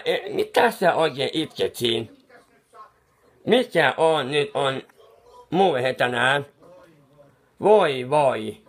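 A man's voice: a little high, a bit bright. A man doing a befuddled muttering clown painter. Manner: rambling, confused muttering with restarts; soothing, scolding someone who cries. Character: bumbling, befuddled male clown painter, fussy and kindly. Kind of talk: comic improvised monologue.

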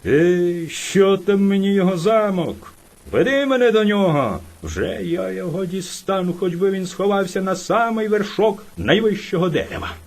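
A hungry bear lord from a storybook reading roars and bullies, as a woman puts him on. His threats swing widely up and down in pitch. The voice has a husky edge. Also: very animated, unhurried, a little mellow, heavily acted. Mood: raging. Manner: roaring, bullying, boastful.

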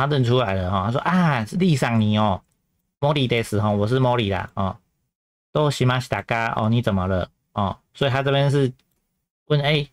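Low-voiced chatty man teaching grammar. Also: no room sound. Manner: chatty, repeats phrases with filler particles. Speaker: Japanese teacher. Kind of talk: grammar lesson explanation.

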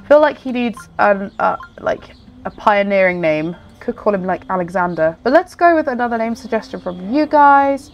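A woman's voice: mid-range voice, expressive, moderate pace, muffled recording, faint music behind. A woman with a nasal, blocked-nose voice from a cold, chatting casually and ramblingly as she hosts gameplay commentary. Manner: chatty, rambling, self-interrupting. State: congested with a cold. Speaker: gaming video host.

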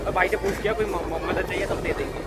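A man's voice: high voice, fairly even intonation, fast. Chatty young man vlogging at a fair. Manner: chatty, joking, addresses viewers as guys. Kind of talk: casual walking vlog. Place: outdoor fair, windy. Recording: loud music and crowd behind.

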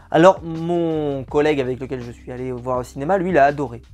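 A man's voice: fairly high pitch, fairly quick, a little mellow, faint music behind. A man giving a casual, exasperated spoken film review, often repeating words for emphasis. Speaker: film critic.

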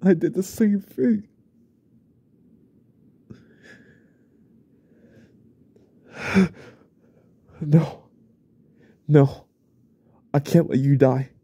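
A young man voicing an unstable, remorseful young husband in a whispered role-play, stammering and repeating himself in a husky, often whispered voice. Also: fairly high pitch, animated, drawn-out words, mellow, no room sound, heavily acted. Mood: panicked. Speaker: ASMR role-play creator.

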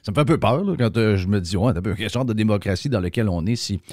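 Man, Quebec French accent, smoker's rasp, sick-sounding voice, talk radio host, opinionated commentary, animated pitch. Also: very fast, no room sound, clean studio sound. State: sick, voice affected.

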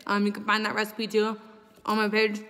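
A young woman gushing in a chatty sales pitch to camera, sometimes talking while she chews. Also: completely flat delivery, brisk, fairly bright tone, long reverb tail. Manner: gushing, enthusiastic, talks while chewing. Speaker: host promoting a protein shake.

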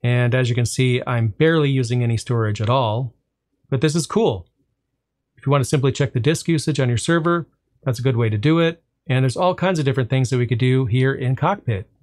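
In this screen recording, a male tech tutorial host walks viewers through a server tool at a middle pitch. His explanations are easygoing, and he likes to pause briefly, with a drawn-out "well," before the payoff.

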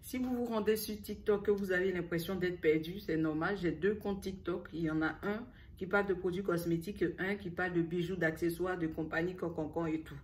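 A woman's voice: lowish voice, fairly even intonation, brisk, few pauses. A young woman from Ivory Coast with an Ivorian French accent, talking to camera in a chatty, teasing vlog. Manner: talks straight to the viewer, teasing, with playful asides. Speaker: beauty vlogger.

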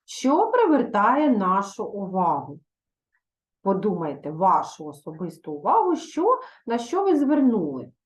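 A woman's voice: medium pitch, huge pitch swings, a little slow. A woman teaching a recorded video lesson for young pupils, patient and instructive, reading verse expressively. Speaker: primary school teacher. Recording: echoey room.

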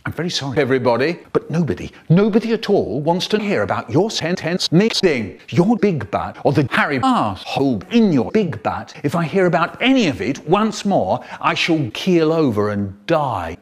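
A man's voice: a little high, sing-song, normal speed, few pauses, slightly rough. A man in his sixties with an English accent, performing in an exaggerated, emphatic way with choppy, spliced phrasing. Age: 60s. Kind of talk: animated performed storytelling, spliced into choppy sentences. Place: plain indoor studio room.

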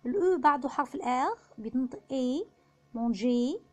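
A woman with an Egyptian Arabic accent giving an online French pronunciation lesson, patiently repeating each example word slowly. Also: on the high side, a little mellow. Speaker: French teacher.

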